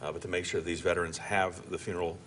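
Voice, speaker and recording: A man's voice: sits low, level tone, fast talker, fairly bright tone, a little hiss or hum. A man co-hosting live parade coverage as a conversational commentator. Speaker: parade broadcast co-host.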